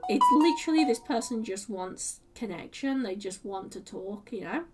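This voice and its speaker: A woman's voice: mid-range voice, lively intonation, normal speed, darkish tone, recorded from a distance, faint music behind. A woman giving a casual, rambling tarot reading on a live stream, with many fillers and hedging words. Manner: chatty, meandering, lots of fillers and "like". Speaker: tarot reader.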